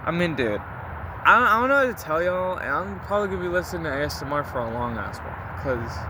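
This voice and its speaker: Higher-pitched young man rambling over background noise. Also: animated, fast. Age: young adult. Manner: rambling, slangy, mildly profane. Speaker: vlogger recording a spoken diary. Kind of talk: casual confessional chat to listeners.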